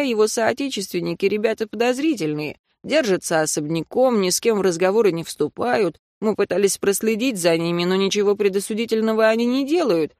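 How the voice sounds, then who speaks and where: A woman voicing a blunt, steady young male student in an audiobook, with a gruff, matter-of-fact manner. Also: medium pitch, no room sound, studio quality, natural voice. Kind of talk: audiobook character voice.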